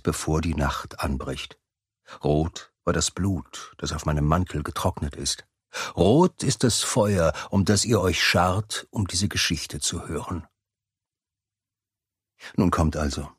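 A man playing a mysterious, brooding fireside storyteller with a dark past, telling a scripted tale ominously with dramatic pauses and a husky voice. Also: low voice, no echo, studio quality, full character voice. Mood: hushed, expectant.

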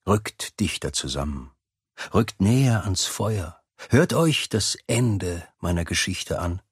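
A man acting as a mysterious fireside storyteller, very low and husky. He tells his dark tale with ominous weight and dramatic pauses, as in an audio drama, recorded close and dry. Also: expressive, no room sound, exaggerated voice. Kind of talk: scripted dramatic storytelling in German.

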